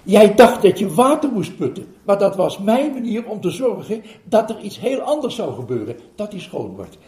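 A man voicing a wise old male Chinese fisherman in a story, calm, firm and instructing. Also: high-pitched, moderate pace. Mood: pleased. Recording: roomy hall recording.

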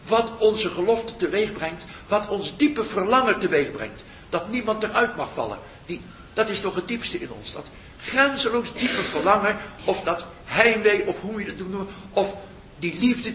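An older man, a meditation teacher, giving a slow reflective spiritual talk that pauses often and trails off softly. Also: animated. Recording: muffled roomy recording with faint rumble.

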